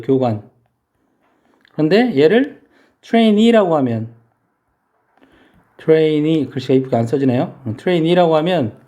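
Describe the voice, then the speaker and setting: A man's voice: a little high, mellow. A man teaching English vocabulary in a lecture, explaining step by step and asking his students questions.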